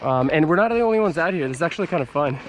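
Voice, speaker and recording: A man's voice: fairly high pitch, animated, very fast, muffled recording, a little hiss or hum. An American man chatting casually to camera as a snowboarding vlogger, with slangy frat-bro talk that hypes up his buddy. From United States, Northern Virginia. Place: mostly outdoors on a rainy ski slope.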